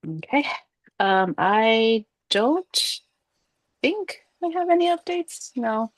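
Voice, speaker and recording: A woman's voice: on the high side, very animated, takes it slowly, no room sound. A woman chairing a committee meeting over a video call, congested, casual and polite with many fillers. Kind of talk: running a virtual meeting.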